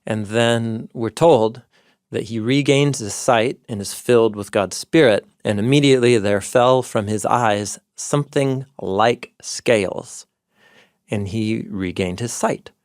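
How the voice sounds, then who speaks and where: A man co-hosting a podcast in an eager, scholarly way, digging into ancient sources. His voice has a gravelly creak and an average pitch. The studio sound is close and dry. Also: measured pace, no echo. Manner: enthusiastic scholarly explaining, citing ancient sources. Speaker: podcast co-host, Bible teacher. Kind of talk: explanatory podcast conversation.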